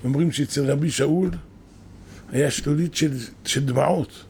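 Guy giving a sermon, kinda gravelly, a bit high, faint noise behind, gets loud and emphatic in bursts. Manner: storytelling with rising emphatic bursts. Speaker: rabbi.

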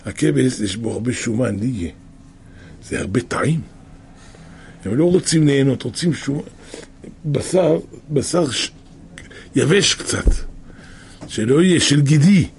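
A man retelling a scripture story in a halting, conversational way, with many restarts and a raspy, husky voice. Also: mid-range voice, animated, a little mellow, slight background noise.

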